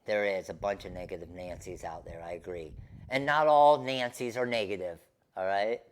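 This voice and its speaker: A man's voice: deep voice, normal speed. Casual male live-stream craft host. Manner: chatty and informal, addressing viewers by name.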